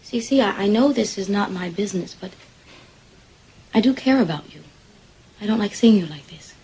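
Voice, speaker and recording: Husky worried caring woman. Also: mid-range voice, animated, moderate pace, dark tone, poor audio. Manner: solicitous, worried, earnest. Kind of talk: 1980s television soap opera acting.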